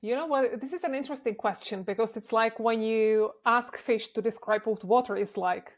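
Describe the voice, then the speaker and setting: A young woman from the Czech Republic, talking as a guest in a casual interview, relaxed and candid. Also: a little high, normal speed. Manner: relaxed and candid, with frequent restarts and laughs.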